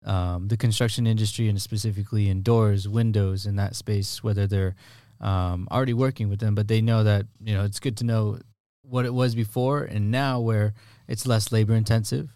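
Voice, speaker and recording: Brief: male host, low voice, casual and rambling, dry studio mic. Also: steady tone, moderate pace, few pauses, dark tone, clear, resonant tone, no echo. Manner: conversational, rambling questions. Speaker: podcast host. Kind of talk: casual interview talk.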